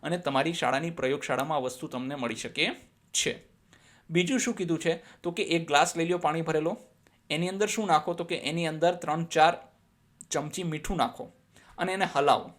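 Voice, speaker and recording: A man teaching an English lesson, asking himself questions and answering them, and reading the English lines slowly. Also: fairly high pitch, fairly bright tone. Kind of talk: explaining an English lesson in Gujarati.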